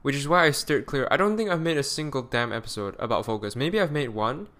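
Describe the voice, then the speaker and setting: A man talks alone into a close podcast mic at home, his voice tired and weary. He rambles, doubles back and fills pauses with "um" and "like" as he muses to his listeners. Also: mid-range voice, animated, a bit bright. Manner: rambling, self-correcting, with frequent fillers. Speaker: podcast host. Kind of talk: solo podcast monologue.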